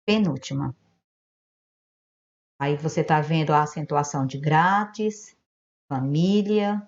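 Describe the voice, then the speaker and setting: A patient woman teacher from Brazil talks young pupils through a recorded lesson, slowly and gently checking each answer. Her voice sits a little low, and the recording sounds dull and lo-fi, like a home video. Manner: gentle, patient, explains step by step. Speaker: primary school teacher.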